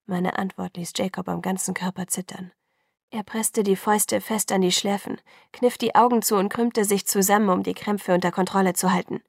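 A woman reads a first-person novel aloud with an even, steady delivery. Her voice has a gravelly edge and sits at a middle pitch. The recording is close and dry. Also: moderate pace, no room sound. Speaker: audiobook narrator. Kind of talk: scripted first-person narration.

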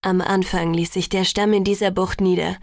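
Brief: woman reading old elder telling legends, solemn and measured, dry close sound. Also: mid-range voice, level tone, darkish tone, no room sound, natural voice. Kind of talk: audiobook reading.

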